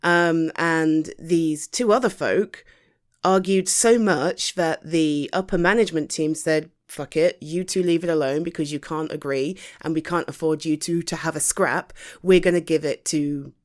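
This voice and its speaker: Speaking low and unhurried, a British-accented woman voices a caring girlfriend home tired from the office in an intimate ASMR roleplay. She sounds soothing, chatty and hesitant, her mood weary and resigned.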